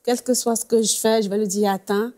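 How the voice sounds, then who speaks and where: A woman's voice: a little high, flat delivery, fairly quick, mellow. A woman guest on a faith talk show, telling a story earnestly and laughing often.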